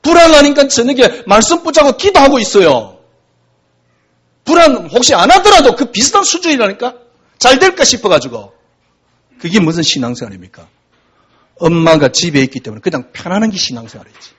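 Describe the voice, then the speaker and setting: Male pastor, sermon delivery, conversational with rhetorical questions, high-pitched and husky. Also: big pitch swings, a little fast, a bit bright.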